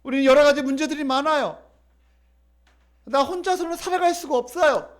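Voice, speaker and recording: High-voiced emphatic Korean pastor preaching. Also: male voice, brisk. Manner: emphatic, repetitive preaching with congregation call-and-response. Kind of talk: sermon. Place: church sanctuary.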